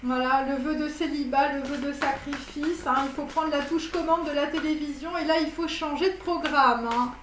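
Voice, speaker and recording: A woman's voice: sits high, fairly even intonation, moderate pace, hardly any pauses. A woman giving a casual tarot reading to viewers, rambling with many fillers and restarts. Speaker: tarot reader. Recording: echoey room with faint noise.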